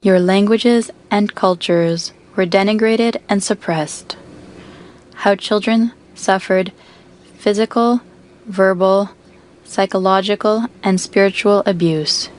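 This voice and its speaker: A woman interpreter giving a translation voice-over of a formal speech, with a measured, solemn delivery. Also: mid-range voice, fairly even intonation, a little mellow.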